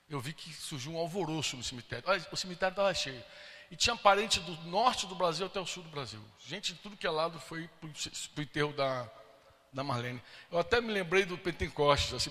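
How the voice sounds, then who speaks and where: A man from Brazil gives a sermon as a personal testimony, slipping into the voices of the people he quotes. His voice is bright and sits a touch high for a man. The recording carries a long hall reverb. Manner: emotional storytelling, acting out quoted voices. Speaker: preacher.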